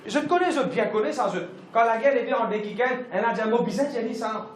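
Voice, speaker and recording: A man's voice: very high voice, fast, roomy sound, a little hiss or hum. A man pastor, preaching a sermon emphatically with lots of repetition and English phrases mixed in.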